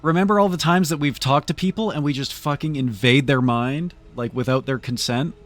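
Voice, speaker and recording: A man streams a game and offers casual, playful live commentary, deliberating theatrically with his chat. His voice is medium in pitch and fairly quick, with faint music in the background.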